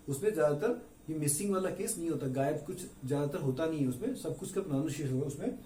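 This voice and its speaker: A man's voice: high-pitched, mellow, reverberant, recorded from a distance, a little hiss or hum. A man teaching a science class, explaining step by step, repeating key words and asking the class questions. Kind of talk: classroom lecture in Hinglish.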